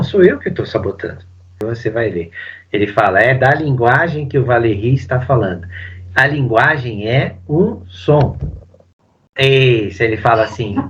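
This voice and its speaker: A man, a psychoanalyst, giving a casual spoken seminar commentary, animated and full of fillers. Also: medium pitch, muffled recording. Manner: animated, uses lots of fillers and acts out quotes. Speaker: psychoanalyst teaching Lacan.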